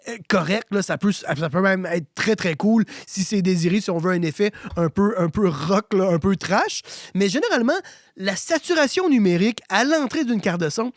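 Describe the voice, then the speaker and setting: Male tutorial host, Québécois accent, colloquial delivery, hoarse smoker's rasp from a cold, dry sound. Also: sits high, no room sound. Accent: Québécois French. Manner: colloquial, conversational. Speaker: host of an audio tutorial channel. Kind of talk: casual explanatory tutorial.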